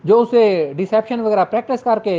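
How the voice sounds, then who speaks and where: A middle-aged man with a Pakistani accent gives an informal, explanatory law lecture, speaking conversationally and addressing listeners as his children and siblings. His high-pitched voice is warm, steady, and brisk, captured in dull lo-fi audio.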